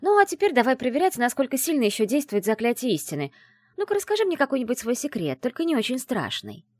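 A woman's voice: high-pitched, very animated, quick pace, darkish tone, slightly rough, no echo, studio quality, voice pushed up, heavily acted. A woman voicing a teasing young witch friend in an audiobook, in a playful, mocking manner. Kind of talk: audiobook character voice.

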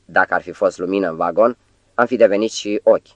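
A man reading a novel aloud in a measured storytelling way. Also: deep voice, no echo, dull audio. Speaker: audiobook reader. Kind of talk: literary audiobook narration.

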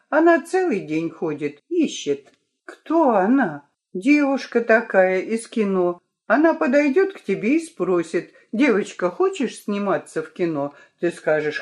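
A woman's voice: mid-range voice, darkish tone. A woman voicing a stubborn, withdrawn little girl who gives curt answers in a storybook reading. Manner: sullen, short answers.

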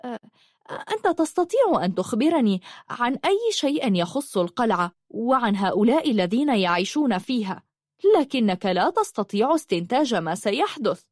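Shy earnest young woman in an audiobook, flustered and halting, read by a woman. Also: fairly high pitch, sing-song, dry recording, studio quality. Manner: flustered, stammering.

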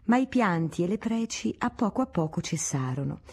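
A woman narrating a classic novel as an audiobook in a steady, measured storytelling manner. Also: lowish voice, slightly rough.

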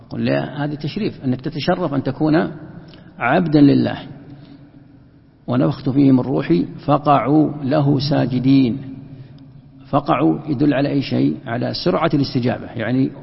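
Gravelly man teaching in an echoing hall. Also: mid-range voice, fairly quick, long pauses. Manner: asks and answers his own questions. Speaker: Quran teacher. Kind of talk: Quran commentary lesson. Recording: dull lo-fi sound in a reverberant hall.

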